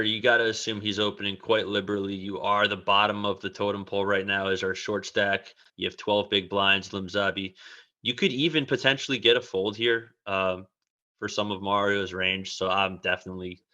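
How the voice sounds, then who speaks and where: Man, bright low voice, analytical poker co-commentary, conversational. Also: little pitch movement, normal speed, muffled recording.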